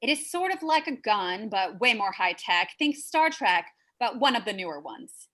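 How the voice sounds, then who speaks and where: A woman's voice: mid-range voice, very animated, normal speed, pushed and bright, poor audio. A woman reading out stage directions for an audio drama, matter-of-fact with wry asides. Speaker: narrator.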